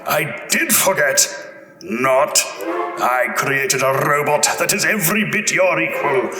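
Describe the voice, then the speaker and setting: A woman voicing a smug cartoon supervillain who gloats in a slow, drawn-out way. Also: low voice, lively intonation, pitched below the performer's own voice. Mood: gloating. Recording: echoey with reverb and music.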